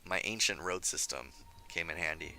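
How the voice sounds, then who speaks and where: A slightly hoarse young man commenting on his strategy game as he plays, chatty and scolding himself for his mistakes. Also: sits low, moderate pace, sharp tone, slight background noise. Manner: self-critical, chatty, thinking aloud. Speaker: gameplay commentator. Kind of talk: let's play commentary.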